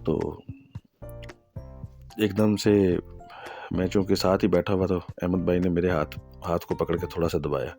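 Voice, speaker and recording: A man's voice: deep voice, fairly even intonation, pauses often, warm tone, faint music behind. A man telling a first-person true horror story in a conversational way, with fillers and asides.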